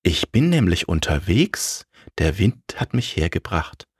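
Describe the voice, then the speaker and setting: A man voicing a cheerful, curious little tailor in a storybook tale, talking in a bright, lively, friendly way. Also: low-pitched, a little slow, breathy edge, no room sound, studio quality, exaggerated voice.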